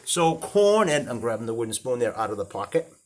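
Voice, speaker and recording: A man's voice: medium pitch, big pitch swings, a little fast, noisy background. An older man hosting a casual cooking vlog in his small apartment, rambling and chuckling as he talks. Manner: rambling, chatty, chuckles often. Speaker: cooking channel host.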